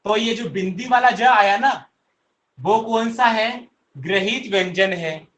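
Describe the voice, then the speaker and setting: A man's voice: high voice, slow, a bit bright, slight background noise. A male teacher giving an online class, quizzing students with repeated questions and answering them himself. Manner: answers his own questions.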